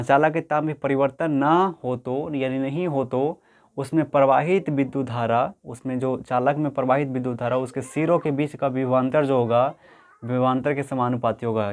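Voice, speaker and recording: A man's voice: mid-range voice, fairly even intonation, moderate pace. A man teaching a school physics lesson, repeating points and asking students if they follow. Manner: repetitive, checks understanding often; homely, colloquial examples. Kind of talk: explaining a lesson.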